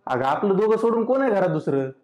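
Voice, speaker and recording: An actor playing a husband loudly questioning his wife about missing money. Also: sits high, big pitch swings, fast talker, echoey room, dull audio, crowd noise. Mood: accusing. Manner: accusing, loud.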